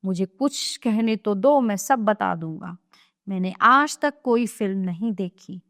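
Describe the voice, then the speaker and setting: Woman, teacher, measured lesson reading, dead dry close mic, mid pitch. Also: dry recording. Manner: steady, measured explanation, then example sentences. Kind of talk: reading a grammar lesson aloud.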